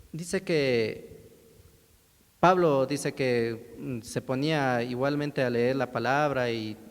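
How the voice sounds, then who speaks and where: A man, a lay preacher giving a conversational sermon in a church, talking straight to the congregation and often repeating himself. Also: medium pitch. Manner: conversational, repetitive, addresses the congregation directly. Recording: echoey hall with steady background noise.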